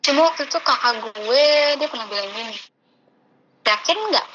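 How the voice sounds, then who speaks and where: A young woman appears as a guest and chats casually about her own life, telling her story in Jakarta slang. Her voice is a little high and fairly bright, and she talks quickly. The recording sounds muffled, with clearly audible background noise.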